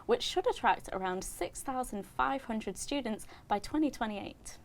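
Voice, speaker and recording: A young woman presenting student TV news from a studio, then chatting in a lively, upbeat way with her co-presenter. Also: on the high side, measured pace. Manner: chatty and upbeat, laughs easily.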